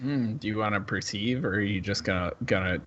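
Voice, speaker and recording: A man's voice: fairly low pitch, a little fast, a bit bright, muffled recording. A man running a tabletop game as game master, describing scenes in a loose, easygoing way.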